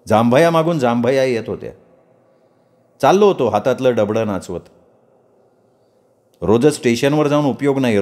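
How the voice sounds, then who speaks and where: A man narrating a first-person story in a conversational, lively storytelling manner. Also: medium pitch.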